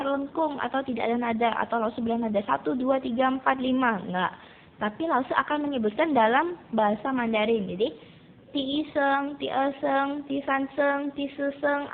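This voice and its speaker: A woman teaching a beginner Mandarin lesson to students, patiently explaining and repeating drills slowly. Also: high voice. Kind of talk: recorded classroom lesson. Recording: tinny phone-like recording with faint noise.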